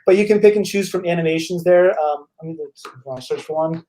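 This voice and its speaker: A man's voice: on the high side, fast, dark tone, low-quality recording. A man, a teacher guest, chatting casually on a live webinar and walking through his shared screen.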